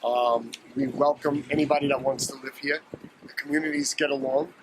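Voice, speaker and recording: A man's voice: mid-range voice, steady tone, brisk. A man, a longtime resident of his neighborhood, speaking earnestly and proudly in an interview. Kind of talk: interview answers. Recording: traffic noise outdoors.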